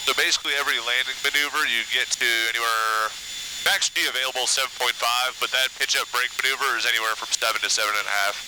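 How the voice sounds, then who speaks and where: A man's voice: medium pitch, fairly even intonation, fast. A man piloting a military jet, chatting casually over an oxygen mask intercom in the cockpit. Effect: oxygen mask radio intercom. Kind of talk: casual in-flight chat. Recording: loud aircraft hiss over cockpit intercom.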